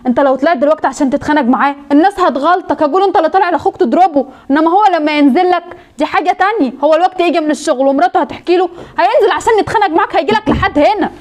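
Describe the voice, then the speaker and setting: Brief: a woman as a meddling Egyptian wife in a comedy sketch, very high-pitched and rattling off words at breakneck speed. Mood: pleading. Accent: Egyptian Arabic. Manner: rapid nagging chatter, stirring up trouble. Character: meddling scheming young wife, shrill and pushy.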